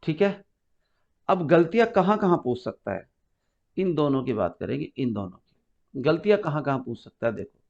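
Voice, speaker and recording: A man's voice: on the high side, animated, moderate pace, gravelly, pauses often, darkish tone. A man teaching an English grammar lesson to a class, explaining step by step and quizzing his students. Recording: muffled lo-fi recording.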